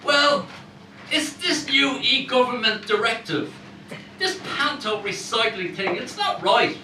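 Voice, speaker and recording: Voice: mid-range voice, lively intonation, unhurried, natural voice. A performer playing a weary, long-suffering ghost who grumbles hammily in a comic amateur pantomime. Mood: weary, aggrieved. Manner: complaining, long-suffering, hammy. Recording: roomy echoing live hall, distant mic, noisy.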